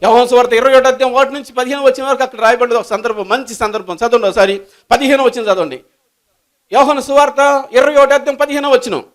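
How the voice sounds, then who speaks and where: A man preaching a sermon as pastor, calling out to the congregation to give praise and building to shouted refrains. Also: extremely high pitch, fast.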